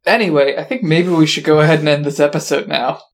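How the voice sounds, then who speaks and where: A man's voice: on the high side, fast talker. A man co-hosting a podcast in casual chat, giving dry, blunt verdicts. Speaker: podcast co-host.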